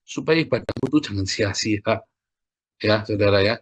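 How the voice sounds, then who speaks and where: A man's voice: on the low side, moderate pace, breathy edge, no room sound. A man preaching a sermon in a conversational, exhorting way, often turning to address the congregation directly. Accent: Indonesian. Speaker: pastor.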